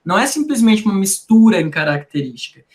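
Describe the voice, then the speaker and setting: Speaking quickly and with lots of animation, a woman from Brasília, Brazil, uses a medium-pitched, somewhat dark voice and a Brasília Portuguese accent. In a conversational interview, the linguistics researcher explains her subject didactically, full of tag questions.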